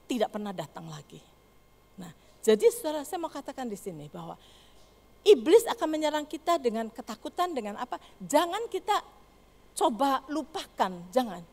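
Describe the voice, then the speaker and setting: An older woman preaching a sermon, telling a story with animated, acted-out voices. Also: high voice, normal speed, creaky. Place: church hall. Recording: long hall reverb.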